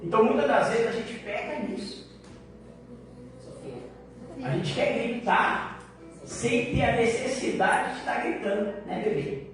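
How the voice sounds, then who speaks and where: A man preaching a sermon to his congregation, mixing easy conversational talk with sudden loud, emphatic lines and many rhetorical questions. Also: very high-pitched, fairly even intonation, unhurried, long pauses, soft background music. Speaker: pastor. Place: large church hall. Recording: echoey hall, voice far off, background noise.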